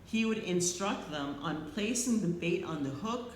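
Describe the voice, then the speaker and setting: A middle-aged or older woman reads a prepared eulogy in a tender, solemn, slightly faltering way with deliberate phrasing. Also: lowish voice, lively intonation. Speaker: eulogist, family member. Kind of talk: prepared eulogy read aloud. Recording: echoey room, faint background noise.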